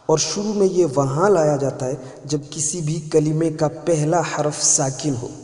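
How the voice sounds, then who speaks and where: A male teacher talks through a grammar lesson, slowly restating each rule. His voice sits a little high. The room rings with a long, echoey reverb. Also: darkish tone. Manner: patient, repeats key points for emphasis. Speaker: Arabic teacher.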